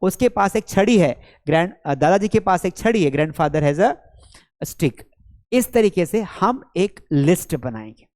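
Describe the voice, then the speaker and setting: A man's voice: high-pitched, animated, unhurried, darkish tone. A man teaching spoken English in a classroom at a board, drilling sentence pairs aloud with energy and calling students beta and bhai.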